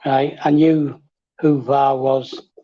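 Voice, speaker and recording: Wry, relaxed man on a lo-fi line. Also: mid-range voice, slow pace. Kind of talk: casual fan chat. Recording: dull lo-fi audio.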